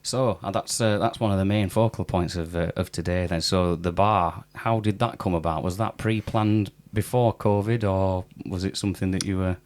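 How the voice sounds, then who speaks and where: Deep-voiced podcast host. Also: male voice, normal speed, hardly any pauses. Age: young adult. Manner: relaxed, chatty, with hesitant fillers. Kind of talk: casual interview chat.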